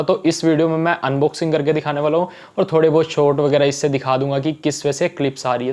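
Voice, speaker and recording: A man's voice: a little high, darkish tone. A young man chatting casually in a home unboxing vlog, often checking in with "okay" as he goes. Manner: chatty, keeps saying "theek hai". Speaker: vlogger.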